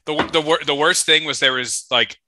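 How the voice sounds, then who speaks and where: Male, very bright sharp voice, close dry sound, rambling profane buddy chat. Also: fairly high pitch, moderate pace, no room sound. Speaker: co-host tasting drinks on a casual show. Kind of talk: casual chat among friends.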